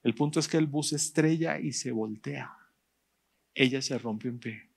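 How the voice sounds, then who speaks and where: A man, a pastor preaching a sermon in church, speaking directly to the congregation and slowing down to stress his points. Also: medium pitch, creaky, husky. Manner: direct, addresses the congregation, rising emphasis and slow stressed phrases.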